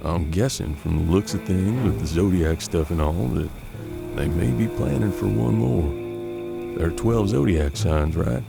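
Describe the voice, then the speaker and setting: In a western audio drama, an American man voices an unflappable veteran bounty hunter of the Old West guiding his apprentice. His low, gravelly voice is unhurried and exaggerated, with a folksy, laconic drawl and a calm, calculating mood, all set against loud music.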